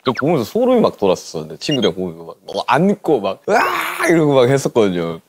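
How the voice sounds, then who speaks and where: A man in his thirties hosting a casual chat interview, animated and quick to act out what he shouted. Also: mid-range voice, background noise. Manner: lively, acts out shouted quotes. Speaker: talk show host.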